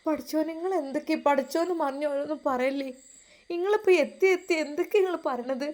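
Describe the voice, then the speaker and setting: A woman's voice: sits high, fast talker, a little mellow, close to an everyday voice. A woman voicing a tearful, protective mother who pleads and soothes. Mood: pleading.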